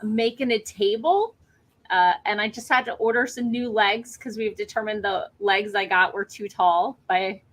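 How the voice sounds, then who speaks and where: A woman's voice: medium pitch, moderate pace, fairly bright tone. A middle-aged woman hosting a casual livestream, chatting and cheering on viewers' comments. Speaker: livestream host. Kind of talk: casual chat.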